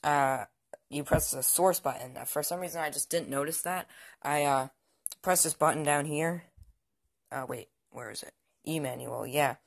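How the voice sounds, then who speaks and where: Standing by the TV indoors at home, this young male vlogger, somewhere between teen and young adult, hesitantly rambles through an unscripted show-and-tell, frequently letting sentences trail away. He speaks at normal speed in a fairly high, gravelly voice.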